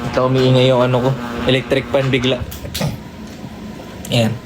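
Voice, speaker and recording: A man's voice: mid-range voice, monotone, moderate pace, noisy background. A man with a Filipino accent co-hosting a live stream, reading out viewer greetings and giving friendly advice. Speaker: livestream co-host. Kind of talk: casual chat on a live stream.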